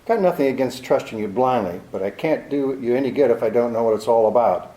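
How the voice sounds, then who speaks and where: In the style of a 1940s radio drama, a man plays a cynical, hard-bitten private detective, delivering lines in a wry, clipped, world-weary way with light acting. His medium-pitched voice is warm and fast, captured in a roomy recording.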